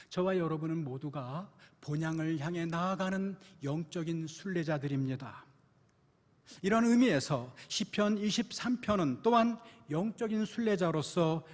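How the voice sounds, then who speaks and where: A male pastor preaching a sermon in a church, often putting rhetorical questions to the congregation. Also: sits high. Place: church sanctuary. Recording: long church hall reverb.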